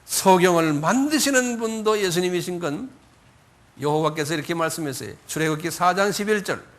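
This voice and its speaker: A male pastor delivers a Sunday sermon in a loose, conversational way, with a voice that sits a little high for a man. He stumbles into repeats and corrections, then lifts his voice sharply to act out the pleas he quotes. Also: expressive, brisk. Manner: conversational preaching, acts out quoted pleas with raised voice; frequent repetitions and self-corrections.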